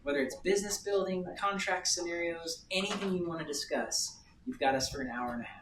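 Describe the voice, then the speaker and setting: A woman leading a real estate office meeting, running through announcements at a brisk, upbeat pace. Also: on the low side. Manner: brisk, upbeat, pleading plugs. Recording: echoey room, distant mic, background noise.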